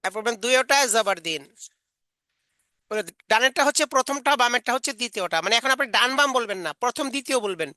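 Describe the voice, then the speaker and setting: Bright-voiced woman teaching step by step. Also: fairly high pitch, lively intonation, no echo. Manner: explains step by step, models drill sounds slowly. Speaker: Quran teacher trainer. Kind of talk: instructional lecture.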